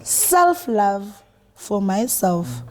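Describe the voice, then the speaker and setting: A South African woman talking in a calm, measured way during a casual group chat. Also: medium pitch. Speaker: guest.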